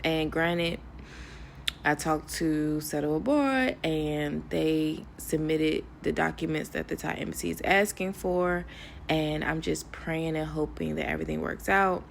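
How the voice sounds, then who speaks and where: A young woman speaks straight to her viewers in a loose, rambling vlog, stressed and near tears. Her voice sits low with a gravelly edge. A faint background hiss runs under it. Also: a little slow. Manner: candid, talks to viewers as "y'all", rambling with fillers. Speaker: vlogger. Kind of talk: emotional personal vlog.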